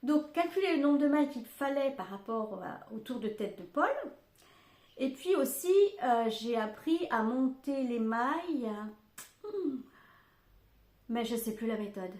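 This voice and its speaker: Older lady talking crafts at home, a bit high voice, rambles with lots of euh, echoey room. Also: expressive, unhurried, a little mellow. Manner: chatty, rambling, with many fillers and asides. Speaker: craft podcast host. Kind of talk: casual chat.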